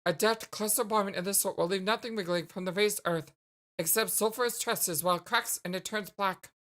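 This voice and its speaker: A woman's voice: mid-range voice, a little fast, a bit bright, close to an everyday voice. A woman voicing a witty, haughty girl in a game, speaking in dry, pompous, elaborate sentences. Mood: smug. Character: witty, haughty, sardonic girl with an analytical streak.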